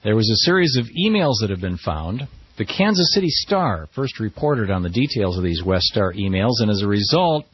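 An American man hosts a talk radio show with animated, swinging intonation. His voice is husky and his delivery emphatic and rhetorical. The sound is close and dry, slightly dulled by broadcast. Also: on the low side, moderate pace, no room sound, muffled recording.

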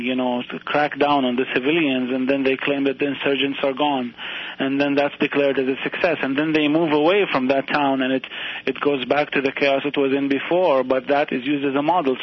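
A professor from Iraq speaking as a radio interview guest, earnest and measured, often restarting his phrases. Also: mid-range voice, dull audio.

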